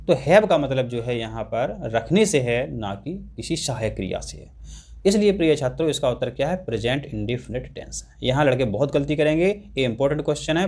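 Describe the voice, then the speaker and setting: A man's voice: mid-range voice, darkish tone. A man teaching an exam-prep lesson, explaining English grammar to students and repeating and stressing key points.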